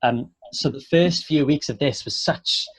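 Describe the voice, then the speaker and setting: A bit slowly and in a mid-range voice, an actor from south Wales gives students informal tips, his Welsh accent warm with chatty, earnest encouragement. The audio has no echo, coming from a close, dry online webinar call.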